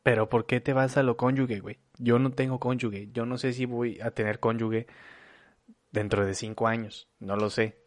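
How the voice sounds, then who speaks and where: A man's voice: mid-range voice, steady tone, normal speed, no echo. Man streaming, reads a text aloud and riffs on it with cursing and jokes; dry, close sound. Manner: swears often, joking, reacts with laughs. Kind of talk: reading a book aloud with casual commentary.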